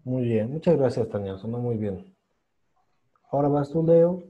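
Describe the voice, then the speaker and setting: A man's voice: mid-range voice, expressive, normal speed, narrow, tinny audio. A man teaching English pronunciation in an online class, patiently drilling sounds and encouraging students.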